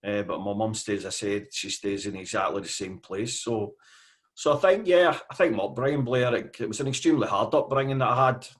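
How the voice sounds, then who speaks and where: Scottish man, fifties, lowish voice, casual interview guest, halting delivery. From Scotland. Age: 50s. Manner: hesitant, with frequent fillers.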